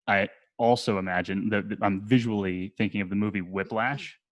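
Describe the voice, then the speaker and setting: Low-voiced man hosting, thinking aloud. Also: steady tone, a little fast, dry recording. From New Jersey, US. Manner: thinks aloud, many restarts before his questions. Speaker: podcast host. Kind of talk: casual interview conversation.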